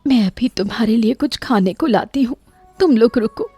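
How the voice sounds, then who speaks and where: A woman voicing a young widowed mother in an animated story, tearful and anxious about feeding her children. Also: on the high side, moderate pace, husky, faint music behind.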